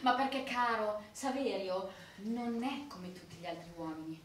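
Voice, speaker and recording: An actress playing a sharp-tongued, scornful wife in a live stage comedy, with a cutting, sarcastic delivery. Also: female voice, medium pitch, moderate pace, a little hiss or hum, lightly acted. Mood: mocking. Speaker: stage actor. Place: theatre stage. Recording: echoey hall from far off.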